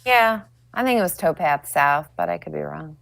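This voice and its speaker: A woman's voice: sits low, expressive, normal speed, creaky, a bit bright, no room sound. A young woman, a guest on a live stream, chatting casually and telling stories with frequent laughter. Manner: chatty, laughs often, storytelling. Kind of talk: casual chat. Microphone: video call.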